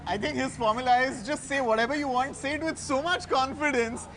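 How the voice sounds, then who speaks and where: Playful high-voiced Indian male show host. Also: a little fast, music in the background. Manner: playful, jokey. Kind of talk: lively presenting and quiz hosting.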